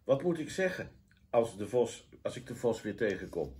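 A man's voice: on the low side, very animated, moderate pace, mellow. A man reading aloud who voices a clever, cheerful female duck in a children's story, lifting his voice slightly. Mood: nervous, wily.

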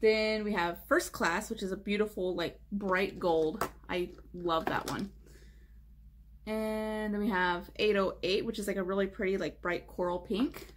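A young woman vlogging casually about her makeup collection, chatty, with many "like" fillers and soft whispered asides. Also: medium pitch, steady tone, measured pace, a little hiss or hum. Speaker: beauty vlogger.

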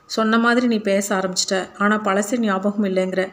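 A woman's voice: medium pitch, steady tone, moderate pace, lightly acted. A woman narrator reading the lines of a troubled father who speaks earnestly and pleadingly.

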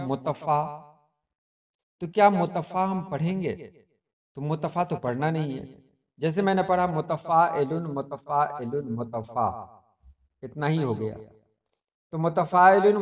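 A man's voice: a little high, recorded from a distance. A man teaching the meter of poetry in a patient lesson, chanting each metrical foot aloud and repeating it. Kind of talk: explanatory lesson.

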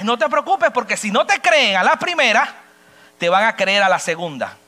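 A pastor preaching with a very high, bright voice. He acts out voices and sound effects as he speaks, and his delivery is lively and animated. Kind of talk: sermon.

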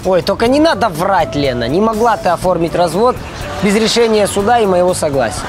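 A man's voice: high voice, big pitch swings, fairly quick, over music, a crowd in the background. An actor playing a sarcastic young husband in a comedy sketch, a man with dry, mocking delivery. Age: young adult. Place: outdoor cafe terrace.

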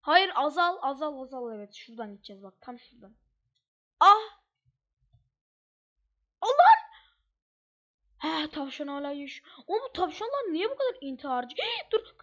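A woman's voice: sits high, big pitch swings, quick pace, hardly any pauses, a bit bright. A woman giving casual, chatty gameplay commentary as she plays, thinking aloud with slangy asides. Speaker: gamer. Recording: dull lo-fi mic.

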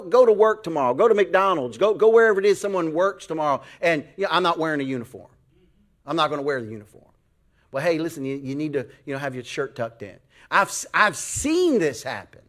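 A middle-aged American man preaching a folksy, animated sermon as a pastor, acting out voices in his stories. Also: high voice. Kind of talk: sermon with storytelling.

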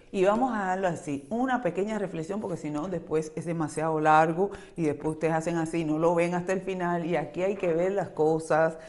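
A woman, talking casually to camera as a vlogger in a loud, lively, rambling way. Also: on the low side. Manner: lively, talkative, rambling, quick changes of loudness; speaks very loudly by her own account. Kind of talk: casual reflective monologue to camera.

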